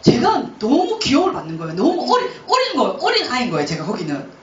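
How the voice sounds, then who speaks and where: A woman missionary tells her faith story with a high voice that rises and falls a lot, often laughing as she speaks. The sound is dull and comes from some distance in an echoey church hall. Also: huge pitch swings, fast talker, a little hiss or hum. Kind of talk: testimony talk.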